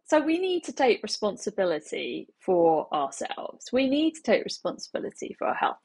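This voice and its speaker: A woman's voice: a little high, sing-song, normal speed, vocal fry, darkish tone, slightly rough. A woman in her thirties, a healing practitioner, talking casually to camera from her living room, chatty and laughing often. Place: small home living room, indoors.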